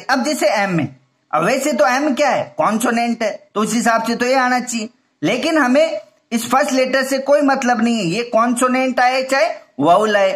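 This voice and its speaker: A man's voice: very high-pitched, fairly bright tone. A male teacher giving a grammar lesson, explaining step by step and answering his own questions.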